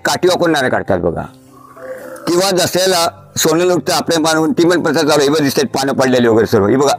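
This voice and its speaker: Tour guide man in an echoey stone hall. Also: fairly high pitch. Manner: addresses the listener as sir, points things out. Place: stone fort chambers and grounds.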